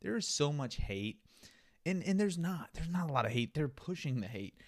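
A man's voice: on the high side, big pitch swings, normal speed. A man hosting a solo podcast, rambling casually while drinking beer and musing aloud. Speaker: podcast host.

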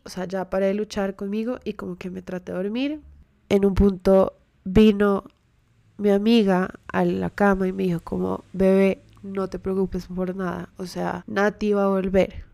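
A woman's voice: medium pitch, vocal fry, darkish tone, dry recording. A young woman hosting a podcast, telling a story in a candid, chatty way, with casual swearing, close to the microphone. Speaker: podcast host.

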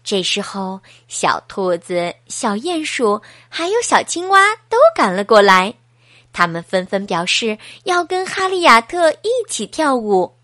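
A woman reading a bedtime story aloud to a child in a slow, sing-song, animated way. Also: mid-range voice, no echo, clean studio sound.

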